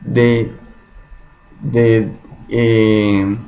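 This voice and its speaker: A man's voice: lowish voice, flat delivery. A man teaching a Bible study, often checking in with his listeners through rhetorical questions. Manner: slow, asks the group frequent rhetorical questions. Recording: dull lo-fi recording.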